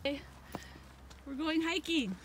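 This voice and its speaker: A high-pitched woman, out of breath while hiking, joking and complaining in a playful way. She sits a little off the phone mic outdoors. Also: takes it slowly, background noise. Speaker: vlogger hiking. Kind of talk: casual vlog chat.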